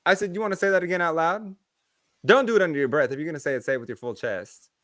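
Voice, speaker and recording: Bright-voiced man telling animated stories. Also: a little high, rapid-fire, no echo, clean studio sound. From United States. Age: adult, past his early twenties. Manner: animated storytelling, swears freely. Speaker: podcast co-host. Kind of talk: casual podcast chat.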